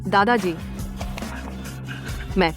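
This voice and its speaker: An actress dubbing a rude, spiteful young wife who insults and sneers. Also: female voice, mid-range voice, extremely slow. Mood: sneering. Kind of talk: Hindi drama dubbing. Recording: dialogue over music.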